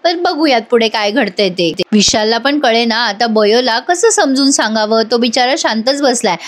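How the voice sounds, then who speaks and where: A woman's voice: a little high, expressive, moderate pace. A woman doing a voice-over retelling of a TV serial episode, chatty and addressing viewers directly. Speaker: storyteller reviewing a TV serial.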